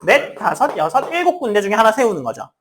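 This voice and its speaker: A woman's voice: fairly high pitch, fast talker, a crowd in the background. A woman teaching a math class, explaining with everyday examples and casually acting out what students say. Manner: lively, talks to students in casual speech, acts out student lines. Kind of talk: classroom lecture.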